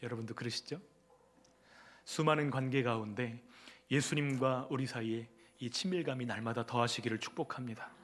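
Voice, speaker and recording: A man's voice: mid-range voice, normal speed, fairly bright tone. A male pastor giving a Sunday sermon in a church, talking conversationally and putting questions to the congregation. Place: church sanctuary.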